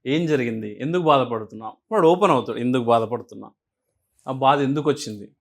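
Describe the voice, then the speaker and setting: A man explaining emotions in an interview, asking and answering his own questions in an animated way. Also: mid-range voice, quick pace. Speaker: guest speaker on emotions.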